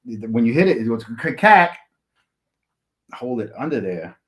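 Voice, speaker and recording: A man's voice: medium pitch, lively intonation, a little fast, mellow. A man co-hosting a livestream, joking loosely and swearing casually. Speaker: livestream co-host. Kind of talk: casual live chat.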